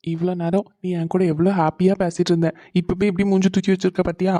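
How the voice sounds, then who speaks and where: A man's voice: sits high, level tone, fast, dark tone, lightly acted. A man voicing a devoted young older brother in a cartoon, earnest and reassuring. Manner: earnest, reassuring, swearing his innocence. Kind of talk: cartoon voice acting.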